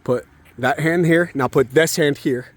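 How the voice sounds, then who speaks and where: In an unhurried, somewhat high voice, a man who is a father and vlogger encourages his young child at a park. His tone is informal and supportive, and he addresses the kid as "man" and "bud."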